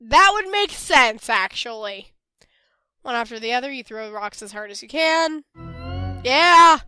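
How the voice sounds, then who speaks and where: This let's play gamer is a young woman working through a text adventure, voicing the game's text and chatting in between. A lingering cold leaves her slightly hoarse; she laughs frequently and curses loudly at the game's surprises. Her voice sits high and the recording is dry.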